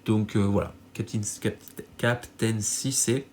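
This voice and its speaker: A man talks through his card purchases in a loose, rambling way, full of "euh" and restarts. His voice is nasal and stuffed up from a cold, sitting a little low. A faint hum runs underneath. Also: steady tone, slow, darkish tone. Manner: rambling, many fillers and self-corrections. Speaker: card collector YouTuber. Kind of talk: casual unboxing chat to viewers.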